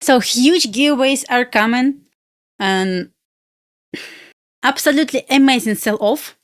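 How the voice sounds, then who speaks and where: Her voice sits high and unhurried, captured in clean studio sound with no room sound. She's a bubbly, giggly futures day trader from Belarus, Russian as her first language, chatting casually on a live stream in loose non-native grammar.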